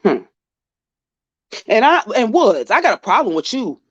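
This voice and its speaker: In this casual reaction commentary, a woman vlogger addresses the person she's criticizing head-on, scolding bluntly and swearing. Her slightly high, sing-song voice moves at a measured pace with a bit of roughness, recorded with no room sound and the highs cut off.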